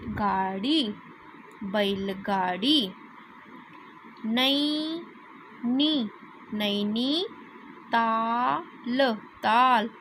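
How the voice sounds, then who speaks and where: A woman teaching young children to read, sounding out each word syllable by syllable before blending it, then explaining in quick asides. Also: a little high, fairly bright tone, a little hiss or hum, poor audio. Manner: reads words syllable by syllable, slow and deliberate, then explains quickly. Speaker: primary school teacher. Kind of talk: reading lesson for young children.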